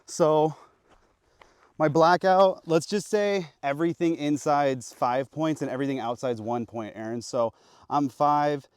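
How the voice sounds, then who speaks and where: This is a slangy, pumped-up young man vlogging about archery outdoors on public land, talking straight to the camera. He's from the Pacific Northwest of the US and has a slightly high voice with a measured pace. His action camera captures a clean tone without echo.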